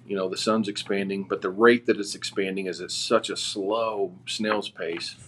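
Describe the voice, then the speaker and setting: A man as a podcast guest, giving relaxed, rambling answers with many fillers. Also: sits low, normal speed, a little hiss or hum. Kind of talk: casual interview answers.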